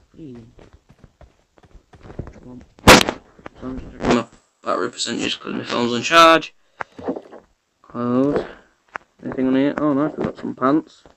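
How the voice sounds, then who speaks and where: A man giving chatty, excitable gameplay commentary to his viewers. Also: mid-range voice, lo-fi sound, background noise. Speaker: gamer.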